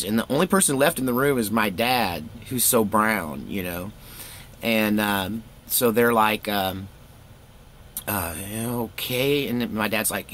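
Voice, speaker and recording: Faint background noise accompanies a middle-aged man whose fairly low voice has a bit of brightness. Once a youth pastor and now a storytelling vlogger, he wanders through personal anecdotes in a relaxed, rambling manner, wryly making fun of himself.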